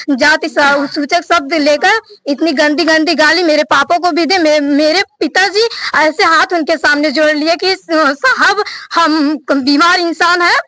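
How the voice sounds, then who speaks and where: A young woman with a high voice tells a reporter what happened to her brother, rushing through the account and restarting her sentences. She stands a little off the microphone. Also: a bit bright. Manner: rapid, urgent retelling with many restarts. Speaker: witness, sister of the victim. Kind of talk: recounting an incident to a reporter.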